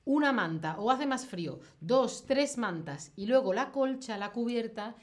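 Woman co-teacher, fairly high voice, chatty, explains things. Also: lively intonation, a little slow. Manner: chatty, explanatory, laughs easily. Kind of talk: explaining words in a casual lesson.

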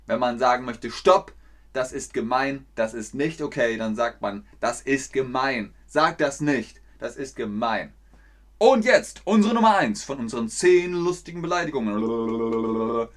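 In a playful livestreamed language lesson, a man from northern Germany with a northern German accent performs insults in abrupt loud bursts. He speaks at medium pitch, animated yet at a measured pace.

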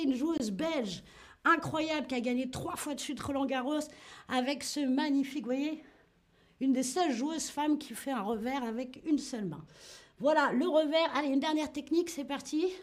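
A high-voiced woman leads a live online French lesson. She keeps it lively, acts out tennis strokes with short grunts, and turns to greet and answer viewers in the chat by name. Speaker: French teacher.

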